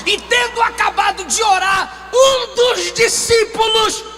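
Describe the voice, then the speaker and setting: A Brazilian woman preaching a sermon, shouting her points emphatically and acting out the people she quotes. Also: very high voice, slow, crowd noise. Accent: Brazilian Portuguese. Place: church hall. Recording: church hall reverb, faint music.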